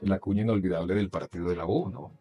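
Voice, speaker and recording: A middle-aged man from Colombia, a journalist and announcer, telling animated anecdotes in a casual interview and laughing often. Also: deep voice, fast, soft background music.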